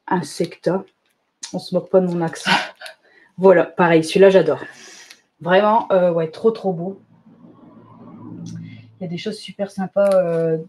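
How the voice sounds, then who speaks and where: A woman running a live shop presentation, chatty and enthusiastic, often filling pauses with little interjections. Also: medium pitch, a little mellow. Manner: chatty, enthusiastic, fills pauses with "hop" and "euh". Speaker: shop owner presenting new products. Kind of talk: live product demonstration.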